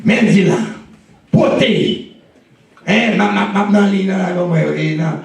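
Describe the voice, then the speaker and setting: Haitian preacher man, high voice, shouting out to the church, big echo from far off. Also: slow, gravelly. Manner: preaching with call-and-response and frequent shouts. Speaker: pastor. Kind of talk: sermon. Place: church sanctuary. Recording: echoey church recorded from a distance.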